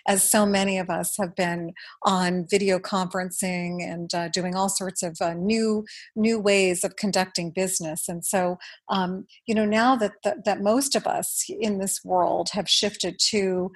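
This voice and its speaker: A woman's voice: mid-range voice, steady tone, measured pace, hardly any pauses, husky. A woman hosting a podcast, reading a polished introduction and then asking questions with some fillers. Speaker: podcast host. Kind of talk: scripted introduction and interview questions.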